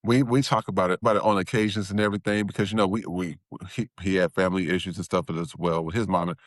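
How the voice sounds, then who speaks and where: A man as an interview guest, candidly recounting his childhood with halting restarts and acted-out quotes. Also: sits low, steady tone, no room sound, studio quality. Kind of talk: personal storytelling interview.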